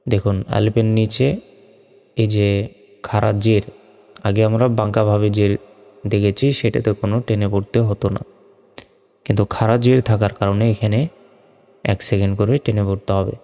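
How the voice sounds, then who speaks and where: A man's voice: on the low side, level tone, normal speed, creaky, pauses often, mellow, long reverb tail. A man teaching Quran reading, patiently drilling Arabic letters and their long vowels one by one. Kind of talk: slow step-by-step Arabic letter pronunciation lesson.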